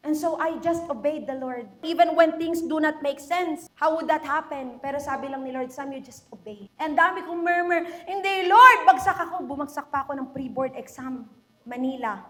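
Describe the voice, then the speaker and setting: A woman's voice: sits high, normal speed. A young woman giving an impassioned sermon, switching between two languages and acting out her prayers to God. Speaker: preacher. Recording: echoey room.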